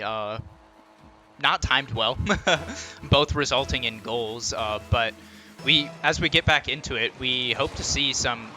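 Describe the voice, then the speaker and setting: Relaxed color commentator man, hissy line. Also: medium pitch. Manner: relaxed analysis with many fillers.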